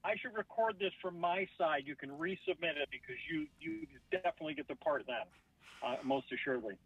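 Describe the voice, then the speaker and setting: A man's voice: fairly high pitch, sing-song, a little fast, creaky, breathy edge, no echo. A stand-up comedian guest calling in by phone from his car, joking and self-deprecating, heard over a dull, lo-fi line. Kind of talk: casual podcast chat by phone. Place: parked car. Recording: muffled lo-fi phone call.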